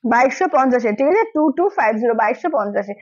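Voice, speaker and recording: A hoarse woman with a cold, selling sarees on a live stream in a brisk, repetitive sales pitch. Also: animated, dry recording, dull audio. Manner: brisk, repeats prices, keeps asking "okay?".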